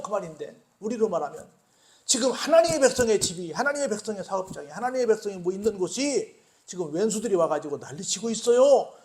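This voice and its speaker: Male pastor, high voice, animated sermon, rhetorical questions, soft-to-loud swings.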